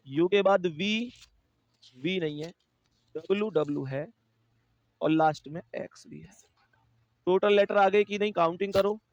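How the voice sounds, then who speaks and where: A man's voice: fairly high pitch, smooth, dry recording, dull audio. A male teacher with a Hindi accent giving an online exam-prep class, explaining step by step, repeating himself and counting aloud to his students. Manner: addresses students warmly as dear friends.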